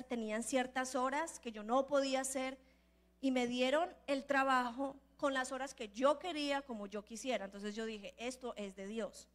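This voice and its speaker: A woman preaching at a church conference, telling a personal testimony in a lively way and acting out the people in her story. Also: high-pitched. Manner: lively storyteller who acts out the voices in her stories; earnest, building to emphatic declarations. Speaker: prophet and preacher.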